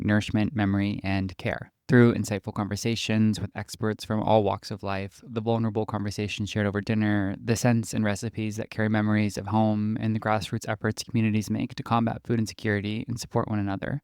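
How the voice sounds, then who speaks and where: A man reading a scripted show introduction in a measured, even manner. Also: fairly low pitch, clear, resonant tone, dry recording, studio quality. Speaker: announcer.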